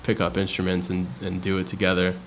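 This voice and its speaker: Young male host, lowish voice, loose and enthusiastic with slang, faint background hiss. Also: completely flat delivery, fast talker. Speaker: interviewer host. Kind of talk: casual interview chat.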